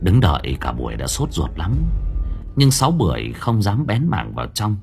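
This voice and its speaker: A man narrating an audiobook story, with lively storytelling rises and falls. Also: low-pitched, moderate pace, vocal fry. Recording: narration over faint background music.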